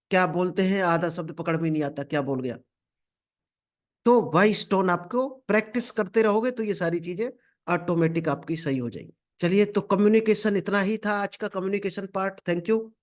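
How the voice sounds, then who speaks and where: A man teaching a communication-skills class, speaking slowly and emphatically, addressing listeners directly and mixing in English terms. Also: fairly high pitch. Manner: slow, emphatic delivery with drawn-out example phrases. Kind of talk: instructional talk to a class.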